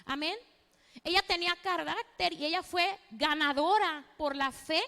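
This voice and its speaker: A woman's voice: very high-pitched, a little slow, sharp tone, long reverb tail. A woman pastor preaching a sermon in a conversational way, rising to emphatic bursts.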